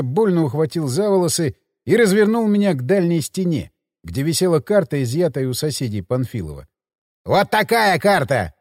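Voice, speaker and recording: Animated male audiobook narrator. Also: fairly high pitch, no echo, studio quality. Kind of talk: first-person scripted narration.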